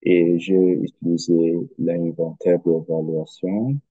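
A man with a foreign accent in French, a non-native speaker giving an academic presentation in halting, careful phrases over a video call. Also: low voice, little pitch movement, no echo, phone-quality sound, faint music behind. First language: not French. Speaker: researcher presenting a study.

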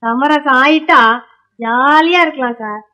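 An actress playing a bold young singer woman in a 1950s film, quick and cheeky in her retorts. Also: sits high, pushed and bright. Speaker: singer staying in the house.

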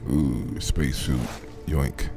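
A man's voice: extremely low pitch, steady tone, slow, music in the background. A man casually narrating his video game play, laid-back and crude, muttering to himself as he loots and picks locks. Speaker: gaming commentator. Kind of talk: casual let's play commentary.

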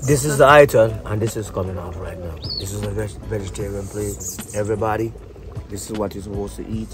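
A man with an Antiguan accent, chatting casually while he cooks outdoors, relaxed and preachy, full of "you know"s. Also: fairly low pitch, fairly quick, crowd noise. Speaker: outdoor cook. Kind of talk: casual talk while cooking. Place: outdoors by a cooking fire. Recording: loud outdoor noise.

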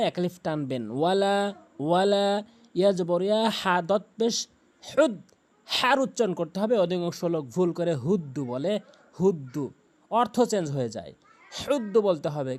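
A man with a Bangladeshi Bengali accent teaching Quran recitation, explaining pronunciation rules and chanting verses slowly and melodically. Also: high voice, expressive. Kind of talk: tajweed lesson with recitation.

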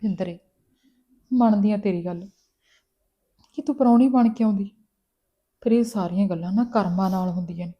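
An actress playing a middle-aged mother who is soft and consoling one moment and loudly scolding the next. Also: medium pitch, moderate pace, long pauses, dull audio, natural voice. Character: stern but caring middle-aged village mother. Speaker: mother and sister-in-law. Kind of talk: Punjabi family drama acting.

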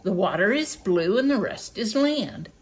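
A woman's voice: medium pitch, very animated, measured pace, slight background noise, rough recording. A woman voicing Grandfather Bear, a kindly old bear who explains things patiently in a storybook. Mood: explaining.

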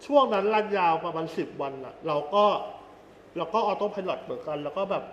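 A man with a high voice who shares stories in an earnest, open way during casual chat. The sound is echoey with a long reverb tail. A faint hiss sits under the voice. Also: normal speed, a bit bright, dull audio. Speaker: reaction video co-host.

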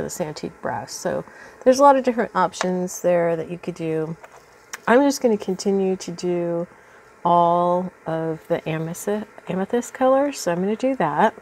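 The rough recording carries slight background noise as a woman with a fairly low, gravelly voice chats over beading. She's congested from allergies, thinking aloud with frequent ums in a casual crafting tutorial at an indoor craft table.

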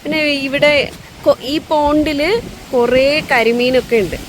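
Female vlogger, higher-pitched, casual, code-mixes English; clearly noisy outdoor recording. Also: steady tone, unhurried. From Lakshadweep, India. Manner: mixes English words into Malayalam. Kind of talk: casual chatty vlog. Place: outdoors at a park by a beach.

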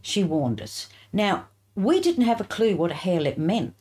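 Chatty woman, lively storyteller. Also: mid-range voice, unhurried, slightly rough. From England. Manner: chatty, laughing storyteller with filler words. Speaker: guest author. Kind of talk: casual storytelling interview.

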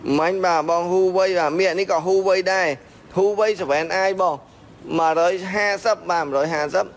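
A man from Cambodia working as a phone shop seller, reeling off one phone model and price after another in a steady sales patter. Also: sits high, normal speed.

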